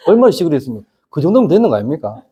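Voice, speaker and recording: A middle-aged pastor preaching a casual youth sermon, constantly asking the congregation whether they agree. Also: male voice, on the high side, sing-song, very fast, mellow, breathy edge. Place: church youth service.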